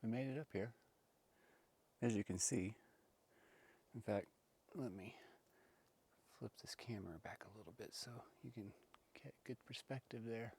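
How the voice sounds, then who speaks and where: A man's voice: on the low side, normal speed, pauses often, a little mellow, a little hiss or hum. A man chatting casually while filming his hike outdoors in a desert canyon on a handheld camera, a bit winded from climbing. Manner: chatty, wandering, folksy. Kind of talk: casual vlog narration.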